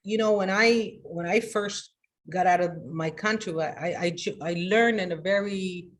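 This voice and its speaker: A woman coaching her online group in a live motivational talk speaks energetically and emphatically with plenty of restarts, alternating loud greetings with soft, intimate asides. Her voice is lowish and her speed normal.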